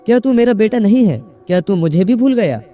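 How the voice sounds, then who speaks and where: A man reading a story, voicing a worried elderly mother who pleads with her confused son, pitched up high. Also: animated, fairly quick, dark tone, soft background music. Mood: pleading worry. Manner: anxious, pleading, rising higher.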